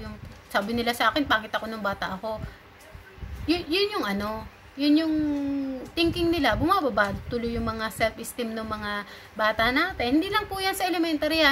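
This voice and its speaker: A woman from Cavite, Philippines, giving a chatty, animated informal talk and mixing in English phrases. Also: on the high side. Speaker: speaker giving a talk on bullying. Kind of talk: casual informal lecture. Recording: noisy background.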